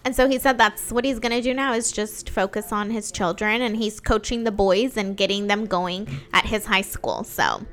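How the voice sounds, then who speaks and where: A woman's voice: mid-range voice, fairly even intonation, moderate pace, hardly any pauses, a bit bright. A woman co-hosting a real estate news show, chatting casually in a bubbly, emphatic way. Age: adult mother. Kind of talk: casual chat.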